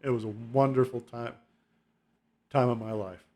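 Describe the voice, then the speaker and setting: Middle-aged male vlogger, average pitch, chatty, meandering, laughs often. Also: steady tone, normal speed, mellow. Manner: rambling, chuckling, nostalgic, full of fillers. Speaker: album ranking vlogger. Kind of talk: casual rambling monologue.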